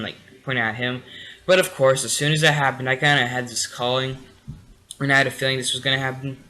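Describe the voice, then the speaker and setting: A man's voice: medium pitch, sharp tone, low-quality recording. A tired young man casually reviewing a TV episode late at night, rambling with many fillers and restarts. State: tired, yawning.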